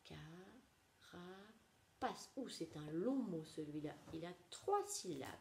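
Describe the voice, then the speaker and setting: A woman teaching young children a nursery rhyme, gentle and sing-song, dropping at times into soft whispers. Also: low-pitched, sing-song, unhurried. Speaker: preschool teacher. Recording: echoey room with faint noise.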